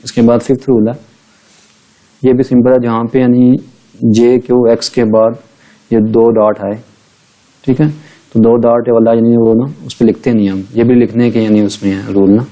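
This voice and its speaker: A man's voice: medium pitch, little pitch movement, moderate pace, warm tone, poor audio. A man teaching a recorded language lecture, repeating each sound several times in patient drills. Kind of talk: recorded lecture over slides.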